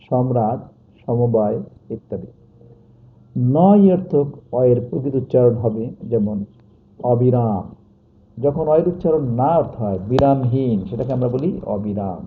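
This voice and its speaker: A male teacher giving a pronunciation lesson, slowly dictating and repeating example words. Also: medium pitch. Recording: tinny phone-like sound.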